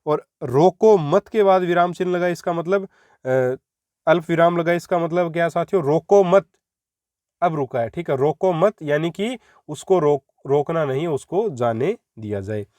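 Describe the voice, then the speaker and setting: A man's voice: fairly high pitch, normal speed, a little mellow, no echo. Young man teaching Hindi grammar. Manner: explanatory, repeats points and addresses students as friends. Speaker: exam-prep teacher. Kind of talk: Hindi grammar lesson for exam candidates.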